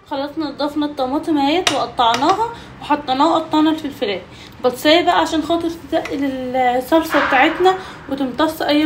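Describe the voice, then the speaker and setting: A young Egyptian woman with a high-pitched voice and an Egyptian Arabic accent chats to viewers in a casual cooking vlog from her home kitchen. There is a little hiss or hum in the recording.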